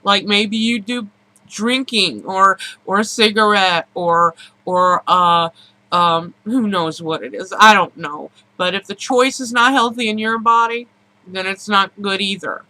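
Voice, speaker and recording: Woman with a bright, forceful voice. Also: medium pitch, measured pace, low-quality recording. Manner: emphatic, repetitive, earnest phrasing. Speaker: personal video blogger. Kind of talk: candid emotional confessional vlog.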